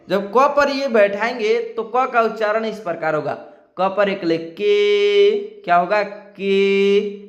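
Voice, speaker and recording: High-voiced man teaching slowly. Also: echoey room, muffled recording. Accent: Hindi-speaking North Indian. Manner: patient and repetitive, often asking "ठीक है ना"; stretches out each syllable slowly to model pronunciation. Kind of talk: classroom lesson.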